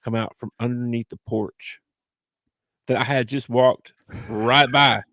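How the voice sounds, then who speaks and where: A man co-hosting a podcast, telling animated stories in casual chat and laughing often as he talks. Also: mid-range voice, unhurried, no echo. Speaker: podcast co-host.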